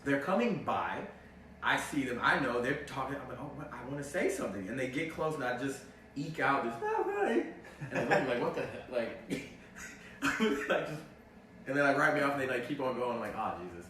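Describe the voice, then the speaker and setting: A young man telling a story in casual chat, animated and full of "like", acting out his own reactions. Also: mid-range voice, brisk. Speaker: actor telling a story on a livestream. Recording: echoey, distant mic, faint noise.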